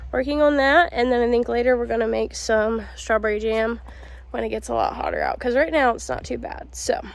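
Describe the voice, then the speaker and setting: A woman's voice: on the high side, a little hiss or hum. A young woman vlogging casually from her home garden, rambling along with plenty of ums and sos. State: out of breath and sweaty.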